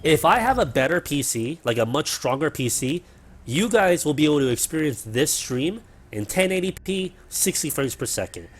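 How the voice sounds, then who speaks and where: Slightly high-pitched with big swings in intonation, a man speaks at a normal speed while livestreaming games from his home apartment. He's casual and rambling, dropping fillers and the odd swear word into a cheap mic close to his mouth.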